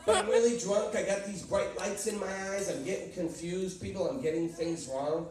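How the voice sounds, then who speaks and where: Speaking at a normal speed in a high, slightly mellow voice, a Boston-accented man from Boston works a comedy club crowd with brash, punchy stories and back-and-forth banter. The sound is distant and echoey, with laughter and crowd noise throughout.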